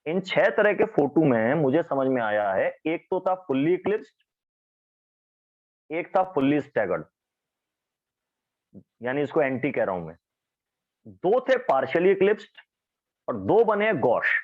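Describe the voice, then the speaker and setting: In a classroom chemistry lecture, a man speaks at a measured pace with frequent pauses, his slightly high voice rising and falling. He's lively and often turns to the students with questions while explaining. The sound is thin, as if over a phone.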